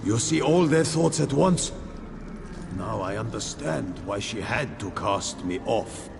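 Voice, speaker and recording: A man voicing a tormented, remorseful ghost of a squire in a video game, pleading and halting with a gravelly voice. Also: lowish voice, lively intonation, exaggerated voice. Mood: sorrowful. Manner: anguished, halting, pleading delivery. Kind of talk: dramatic video game voice acting. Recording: long ghostly reverb, noisy ambience.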